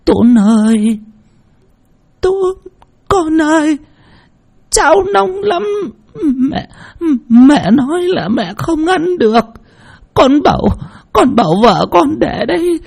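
A man's voice: very high voice, very animated, slow pace, gravelly, long pauses, a little mellow, pitched above the performer's own voice, exaggerated voice. A man voicing a frail, bedridden old mother who begs in broken phrases. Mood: pleading. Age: older. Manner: faltering, broken, begging.

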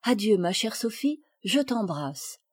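A woman voicing a kind, sensible little girl who speaks gently in a storybook reading. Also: medium pitch, very animated, unhurried, husky. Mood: earnest.

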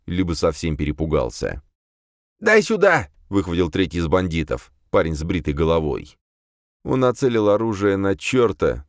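A man narrating a first-person fantasy audiobook in a steady, measured way. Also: low-pitched, dry recording, studio quality.

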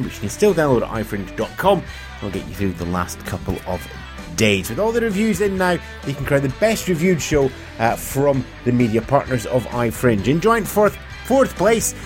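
A Scottish man hosting a festival podcast, bantering with guests and reading a review roundup in a studio. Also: medium pitch. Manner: animated, quick to laugh and banter. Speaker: podcast host.

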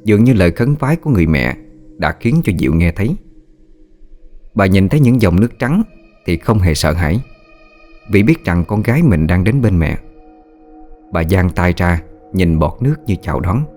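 A man with a very deep voice reads a ghost story in a measured, solemn tone. Faint music plays under his narration. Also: darkish tone.

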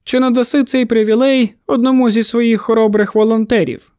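A man's voice: extremely high pitch, fairly even intonation, a little fast, darkish tone, no room sound, clean studio sound. A man voicing a brash, breezy monster hunter. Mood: playful. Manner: breezy, mocking, commanding. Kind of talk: audiobook character voice.

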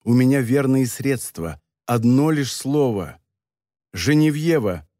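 A man voicing a cool-headed master thief, speaking low and insistent. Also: expressive, slow, mellow, no echo, studio quality. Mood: hushed, urgent. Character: cool-headed master thief, male, urgent then calm.

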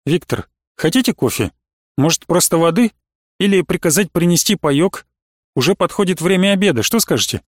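A man voicing a calm, firm male army major who speaks in a measured, steady way. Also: high-pitched, dry recording, studio quality. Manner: measured, steady, stern when pressed.

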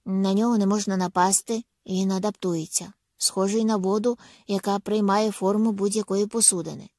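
A man's voice: high-pitched, flat delivery, normal speed, darkish tone, no room sound, clean studio sound, close to an everyday voice. A woman voicing an impatient man in charge who speaks brusquely and insistently, in an audiobook reading.

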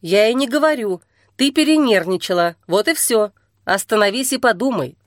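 Gentle reassuring young man as a woman narrator puts him on, unhurried, high-ish voice. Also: no room sound, clean studio sound, lightly acted. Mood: coaxing. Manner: slow, steady, gently coaxing. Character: calm young man soothing a frightened girl.

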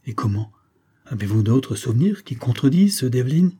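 A man's voice: medium pitch, very animated, brisk, dark tone, slightly rough. A man reading the part of a young husband, urgent and questioning. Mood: anxious, urgent.

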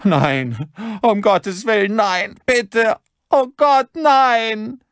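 A man's voice: extremely slow, fairly bright tone, clean tone, no room sound, clean studio sound, exaggerated voice. A man voicing a terrified wounded man who wails and begs for his life in an audiobook. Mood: screaming. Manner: shrill, wailing pleas.

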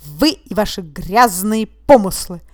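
A woman's voice: medium pitch, lively intonation, slow pace, no room sound, studio quality. A woman reading the part of a stern male judge who questions a suspect coldly and cuttingly. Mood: furious. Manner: cold, cutting and insistent, flaring into anger.

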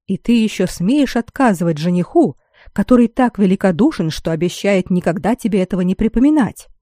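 A woman reader voicing a shrill, scolding older noblewoman who shrieks her insults. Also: expressive, brisk, warm tone, no echo, clean studio sound, close to an everyday voice.

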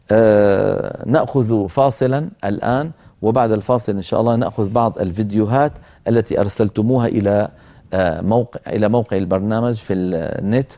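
A male recitation teacher hosting a televised lesson, with a mellow, warm voice. He explains in a measured way and stops to model the recitation slowly. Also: on the low side. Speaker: Quran recitation teacher, program host.

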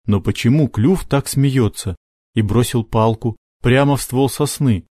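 Brief: male audiobook narrator, mid pitch, steady, dry close mic. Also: a little slow, no echo.

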